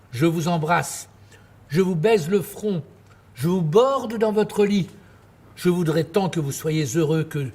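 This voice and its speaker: A tender, grandiloquent male night-radio host on stage. His voice sits fairly high and has a husky grain. He speaks in effusive, lyrical phrases and flusters easily. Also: a little mellow, heavily acted. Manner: effusive, lyrical, repeating words when flustered. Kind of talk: theatrical stage monologue as radio sign-off.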